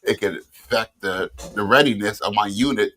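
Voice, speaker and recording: Bright-voiced veteran man, casual. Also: fairly low pitch, normal speed. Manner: conversational, hedging with frequent fillers. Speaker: veteran panelist. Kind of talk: casual panel discussion.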